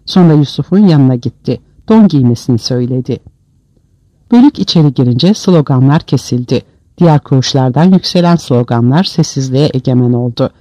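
A man's voice: mid-range voice, animated, fairly quick, dark tone, no room sound. A man narrating an audiobook in a dramatic storytelling manner, on a dull, dry lo-fi recording.

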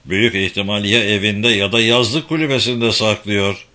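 A man doing a calm retired cop. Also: on the low side, normal speed. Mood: steady. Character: calm retired male police officer, steady and reassuring.

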